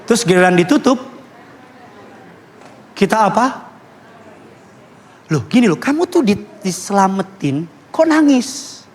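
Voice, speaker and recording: A man preaching a sermon in church as pastor, telling stories in a lively, joking way with English phrases mixed in. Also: high voice, a little slow, long pauses, a little hiss or hum.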